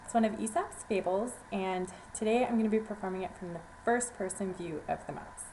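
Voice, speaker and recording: A young adult woman performing a fable as a storyteller, speaking in the first person in a casual, conversational, animated way. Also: mid-range voice, brisk, slight background noise, low-quality recording.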